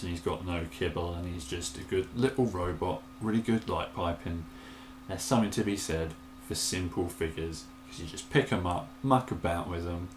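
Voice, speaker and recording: A man chatting enthusiastically in a casual show-and-tell vlog, with bursts of excitement. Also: on the low side, reverberant, slight background noise. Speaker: toy collector vlogger.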